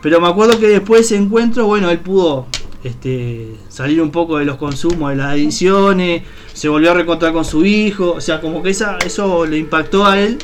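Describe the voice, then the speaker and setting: High-voiced Uruguayan man telling a story. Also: brisk. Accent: Uruguayan Spanish. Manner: rambling, many fillers and restarts. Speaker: radio co-host. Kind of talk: casual spoken storytelling on radio.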